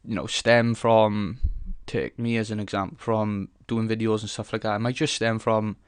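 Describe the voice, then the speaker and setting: Sweary young man, smooth voice. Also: on the low side, flat delivery, moderate pace, dry recording. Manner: frank, rambling, heavy swearing; earnest, thinks aloud with fillers and restarts. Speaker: podcast host. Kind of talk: casual solo podcast monologue.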